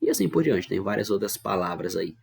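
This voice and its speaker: A man with a Brazilian Portuguese accent teaches a grammar lesson online from home, patiently going step by step and often checking that his students are following. His voice sits on the low side and is sing-song, a little fast, gravelly, with a breathy edge.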